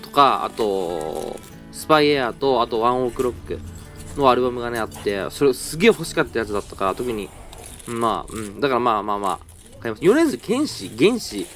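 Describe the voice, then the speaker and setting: A man's voice: medium pitch, big pitch swings, a little fast, a bit bright, faint music behind. A young man narrating a casual vlog while browsing a flea market, chatty and rambling, often correcting himself mid-sentence. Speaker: toy-hunting vlogger. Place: indoor parking garage flea market.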